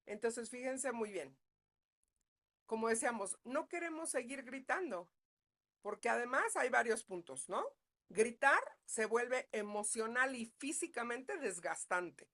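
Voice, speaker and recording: A woman leads a parenting class as a psychologist. She talks in a relaxed, conversational way and keeps checking in with her listeners. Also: on the high side, unhurried. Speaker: psychologist leading a parenting talk. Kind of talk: live online parenting class.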